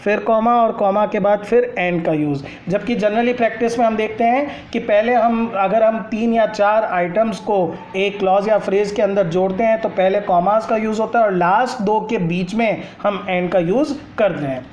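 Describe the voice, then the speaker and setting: A man's voice: sits high, moderate pace, hardly any pauses, a little mellow, muffled recording, slight background noise. A man teaching a literature lesson, explaining poetic devices step by step and switching often between Hindi and English. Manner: explanatory, addresses listeners as friends; mixes Hindi with English, many fillers. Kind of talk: lecture on poetry.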